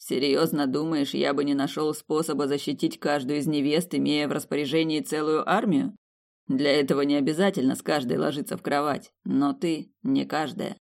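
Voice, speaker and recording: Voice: mid-range voice, gravelly, lightly acted. Brief: audiobook love interest, confident young prince, teasing and composed, read by the narrator. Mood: mocking. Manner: calm, unhurried, mocking. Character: teasing, self-assured young male prince. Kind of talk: audiobook character reading.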